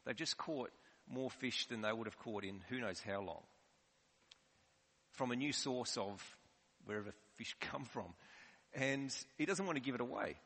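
A man's voice: mid-range voice, fairly bright tone, breathy edge. A man preaching a sermon in a conversational, explanatory way. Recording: long hall reverb.

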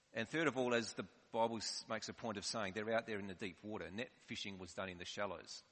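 A man's voice: fairly low pitch, sharp tone. A man preaching a sermon in a conversational, explanatory way. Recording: long hall reverb.

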